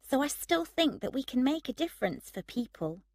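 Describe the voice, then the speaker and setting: A woman's voice: sits high, sing-song, moderate pace, a little mellow, no echo, studio quality, pitched above the performer's own voice, heavily acted. A woman reading the lines of a wry, self-mocking, idealistic young woman in a storybook reading. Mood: chatty.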